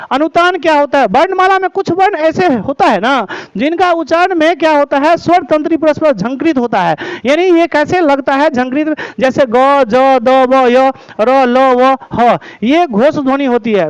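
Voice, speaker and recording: A man's voice: extremely high pitch, no room sound, low-quality recording. A man teaching a grammar lesson, explaining step by step, repeating terms and checking that students follow.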